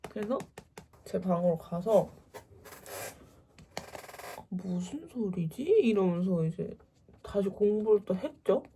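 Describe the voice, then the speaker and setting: A woman's voice: mid-range voice, mellow, slightly rough. A young woman casually telling a personal story, acting out the quoted lines with animation.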